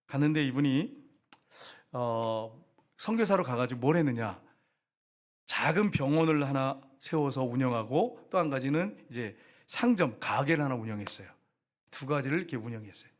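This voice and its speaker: 생동감 넘치게 설교하는 남자 목사. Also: male voice, moderate pace. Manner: animated, voice jumps high when retelling anger, asks the congregation questions. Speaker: pastor. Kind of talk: storytelling sermon. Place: church sanctuary.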